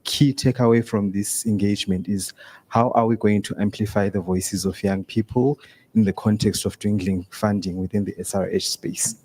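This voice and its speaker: A man's voice: on the low side, fairly even intonation, normal speed, dark tone. A man on a youth advisory panel introducing himself at a meeting, confident and direct. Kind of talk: self-introduction.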